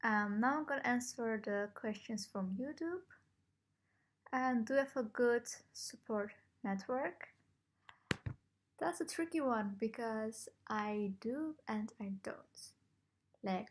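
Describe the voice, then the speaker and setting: A woman's voice: fairly high pitch, unhurried. A young woman from the Netherlands answering viewer questions in a casual vlog, talking in a hesitant, self-conscious way. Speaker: vlogger. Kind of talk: casual Q&A to camera.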